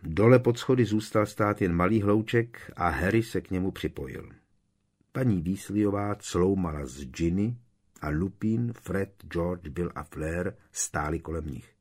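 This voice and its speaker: Deep husky man reading a story. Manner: expressive storytelling. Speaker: audiobook narrator. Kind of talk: audiobook reading.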